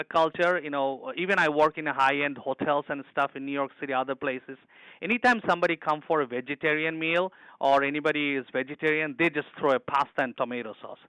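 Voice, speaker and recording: A man's voice: a little high, sharp tone, no echo, rough recording. A middle-aged man from Bangladesh, an executive chef answering interview questions earnestly, with frequent restarts and broken grammar.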